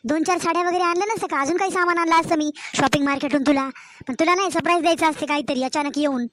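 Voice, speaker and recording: A woman's voice: high-pitched, a little hiss or hum, natural voice. A woman voicing a scheming, sweet-talking young married daughter in a cartoon story, chatty and coaxing. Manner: chatty, coaxing, drawn-out village-style talk.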